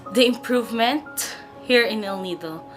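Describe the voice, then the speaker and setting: A woman's voice: on the high side, normal speed, faint music behind. A woman from the Philippines, a returning tourist, giving earnest interview answers in simple phrasing.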